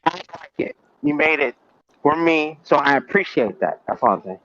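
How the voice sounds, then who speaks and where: A man's voice: fairly high pitch, expressive, normal speed, fairly bright tone, dull audio. A man joining a casual chat over an online call, his voice crunchy and breaking up with digital distortion. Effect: crunchy, breaking-up distorted voice chat audio. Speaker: guest calling in.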